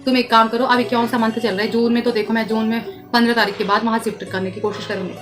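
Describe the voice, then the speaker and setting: A mother in her thirties talking gently with her young son in a casual family vlog, soothing and coaxing him. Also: on the high side, little pitch movement, quick pace, over music. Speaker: vlogger, mother.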